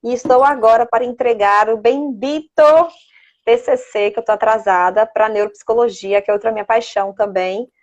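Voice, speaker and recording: A child psychologist in her thirties, speaking with a Bahian Brazilian Portuguese accent, chats informally as a guest in a relaxed conversational interview. Her fairly high voice moves at normal speed, she laughs easily and keeps checking in with "né", and the audio is a little dull and lo-fi.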